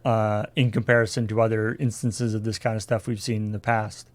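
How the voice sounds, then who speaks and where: A man's voice: fairly low pitch, level tone, a little fast. A man co-hosting a casual discussion, hesitant and full of fillers, slipping in dry jokes. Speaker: co-host.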